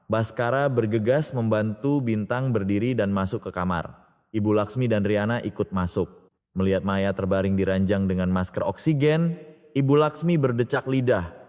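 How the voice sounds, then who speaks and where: Low-voiced male story narrator. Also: normal speed, darkish tone. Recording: long reverb.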